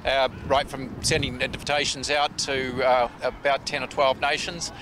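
A man's voice: mid-range voice, little pitch movement, normal speed, background noise. A middle-aged man, a tournament director, answering plainly in an outdoor interview with a handheld mic. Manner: plain-spoken, matter-of-fact. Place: outdoors by a sports field. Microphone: handheld reporter mic.

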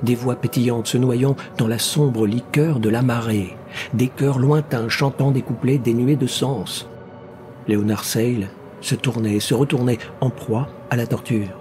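A man narrating a science fiction story as an audiobook reader, with a measured, dramatic delivery. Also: mid-range voice, fairly even intonation, over music. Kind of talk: scripted narration.

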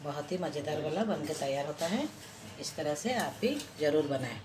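Sizzling and frying from the stove sound behind a woman vlogger whose voice sits low but has lively intonation. Filmed from above her hands while she stays off-screen, she patiently walks through cooking in her home kitchen step by step, pausing and restarting often.

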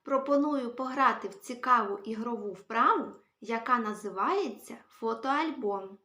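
A woman teacher greeting young children and sounding out words one by one in a phonics lesson, cheerful and slow. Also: on the high side, expressive, pushed and bright. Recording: roomy echo.

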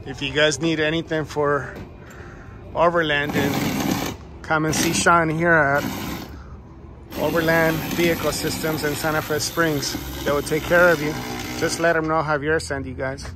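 Over loud music, this vlogger talks unhurriedly in a slightly high, level voice while filming himself on his phone at a warehouse lot and a driveway. He stays enthusiastic and keeps plugging a shop.

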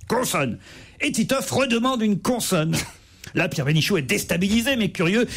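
A man with a slightly high voice hosts a radio comedy panel and reads jokes aloud. He builds each story with lively, mock-dramatic pacing. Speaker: radio show host.

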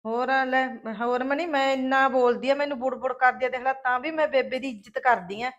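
A woman's voice: sits high, steady tone, fairly quick, highs cut off, close to an everyday voice. A woman with a Malwai Punjabi accent playing a chatty, earnest young village daughter-in-law in a comic skit.

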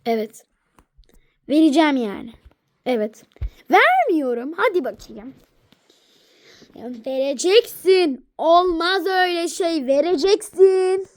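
A woman's voice: very high-pitched, expressive, unhurried, no room sound, clean studio sound. A woman voicing several toy characters in a homemade skit, trading stubborn back-and-forth bickering. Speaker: toy adventure voice performer.

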